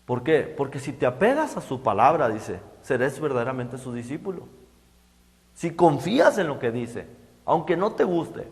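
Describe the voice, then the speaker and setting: A middle-aged man preaching a sermon, halting and repeating words as he goes. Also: medium pitch, big pitch swings. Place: church hall. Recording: echoey church hall.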